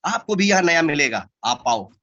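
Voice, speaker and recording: A man's voice: fairly high pitch, sing-song, normal speed, pushed and bright, highs cut off. A man giving an emphatic motivational training talk to a network marketing team. He repeats key words and keeps firing rhetorical questions.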